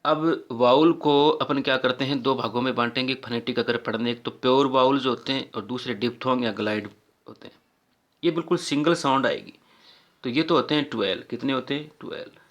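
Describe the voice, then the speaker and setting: A man's voice: medium pitch, a little fast, muffled recording. A man teaching a casual phonetics lesson, patiently explaining and repeating vowel sounds aloud.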